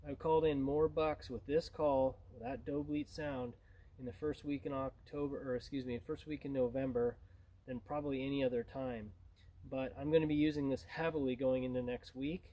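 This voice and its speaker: A man's voice: mid-range voice, fairly even intonation, normal speed, dark tone, low-quality recording. A man gives an informal tutorial as a hunting instructor, in a plain-spoken, conversational way.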